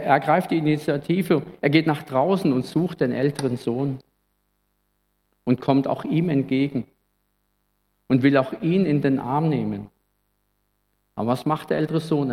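A man's voice: on the high side, mellow. A man preaches a Christmas sermon from a church pulpit. His tone is earnest and reflective, and he slips into a casual manner now and then. A long reverb trails behind each of his phrases. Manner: earnest, reflective, sometimes conversational. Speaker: pastor.

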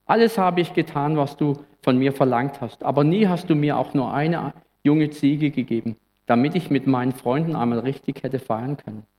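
A man's voice: mid-range voice, moderate pace, few pauses, darkish tone, in a large hall, natural voice. A man reading out the lines of a bitter, resentful older brother during a sermon, his voice rising in reproach.

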